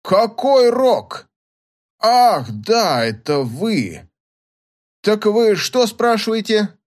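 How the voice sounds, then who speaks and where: A man's voice: high voice, sing-song, extremely slow, pitched above the performer's own voice, heavily acted. A haughty old professor who snaps and scoffs, irritable and scornful toward anyone who bothers him, as a male narrator does his voice. His speech rises and drops sharply from line to line, as in a storybook read aloud.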